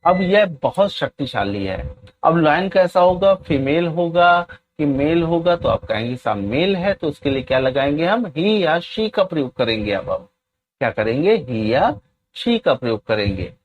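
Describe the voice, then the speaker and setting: Man teaching grammar, slow deliberate delivery, lively rising and falling pitch, dull lo-fi sound. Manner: asks the audience questions, dictates slowly. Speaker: English teacher. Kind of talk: classroom-style grammar lesson.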